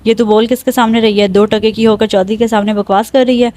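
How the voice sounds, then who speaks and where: A woman's voice: a little high, level tone, dark tone, natural voice. A woman reading the lines of a cruel, arrogant young village landlord in a storybook narration, speaking with contempt and threats. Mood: contemptuous.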